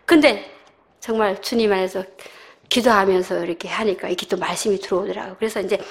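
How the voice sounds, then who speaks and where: A middle-aged woman giving a personal church testimony, telling her story with animated delivery, acting out voices and laughing. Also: mid-range voice, brisk, creaky.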